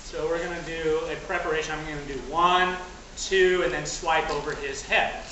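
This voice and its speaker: A high-pitched man leads a live demonstration as a fight director, explaining moves to onlookers while he stays on the move. He is recorded from a distance in a strongly echoing space, with clear noise around him. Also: fairly even intonation, normal speed, pushed and bright. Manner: instructional, talking to audience and partner; physically active while talking. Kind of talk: live stage combat demonstration. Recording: echoey, noisy space, distant mic.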